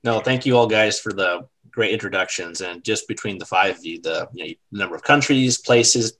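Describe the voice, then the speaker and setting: A man's voice: fairly low pitch, fairly quick, a bit bright, low-quality recording. A man hosting an interview podcast, introducing his guests earnestly with small restarts. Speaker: podcast host.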